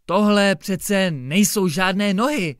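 A man's voice: sits high, clear, resonant tone, dry recording, studio quality, pitched above the performer's own voice, close to an everyday voice. A man doing a fussy, vindictive gendarme. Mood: critical. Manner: fussy, nitpicking. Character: critical, vindictive male village gendarme.

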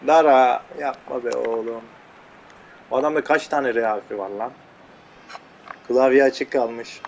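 This gameplay commentator speaks slowly in a steady, mid-range voice with vocal fry. He teases and grumbles at his players while playing a football video game, and the crowd noise from the game is loud beneath him.

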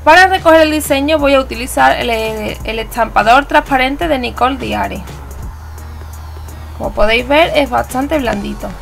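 High, gravelly woman narrating a nails tutorial. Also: normal speed. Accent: Spain Spanish. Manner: instructive, chatty, self-correcting. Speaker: nail art channel host. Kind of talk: voice-over nail art tutorial. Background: faint background music.

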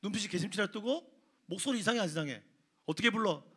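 A male pastor preaching a lively sermon, telling the story with animated quoted voices and frequent questions to the congregation. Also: high voice, fast talker, breathy edge. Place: church sanctuary.

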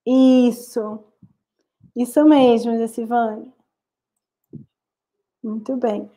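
A woman's voice: fairly high pitch, steady tone, extremely slow, mellow. A woman with a Brazilian Portuguese accent, a guest lecturer giving a live online class over a video call, earnest and explanatory, addressing her students directly.

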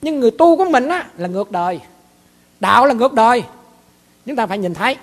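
A man's voice: very high voice, very animated, fast talker. A man with a Southern Vietnamese accent, a monk and abbot giving a dharma talk in a folksy, repetitive storytelling way. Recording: long hall reverb.

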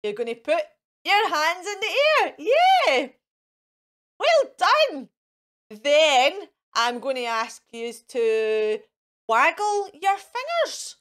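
Slow and fairly bright, this high female voice swoops wildly in pitch. It belongs to a Scottish woman in her thirties acting as a fairy host for children, playful, sing-song, exaggerated, coaxing and encouraging, in front of an indoor fairy backdrop.

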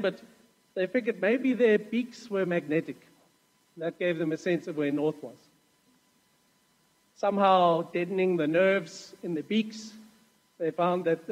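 High-voiced pastor preaching in a church. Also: male voice, in a large hall, rough recording. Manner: conversational storytelling with asides. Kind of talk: sermon.

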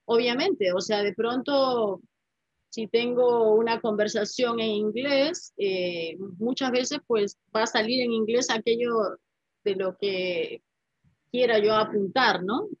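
Speaking slowly in a slightly high voice, this Spanish-speaking poet and writer in her fifties reflects as a guest on a video call. She sits in a home room decorated with paintings and keeps tagging her phrases with a questioning "¿no?" Her laptop webcam mic yields a dry, dull call recording.

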